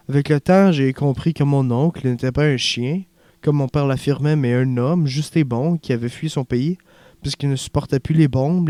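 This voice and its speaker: A man reads a young refugee man in an audiobook who is haunted and earnest, confiding his story softly. The tone is dark and mellow, the voice smooth and resonant. The recording is close and dry. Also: on the high side, no echo, lightly acted.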